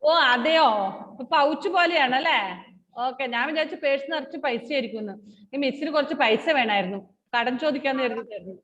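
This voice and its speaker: A woman with a high, bright voice runs an online class for small children, calling each by name in a coaxing, affectionate way. The sound is muffled, as over a video call, with a long echo trailing behind her. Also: a little fast. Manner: coaxing, affectionate, mixing Malayalam and English. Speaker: teacher.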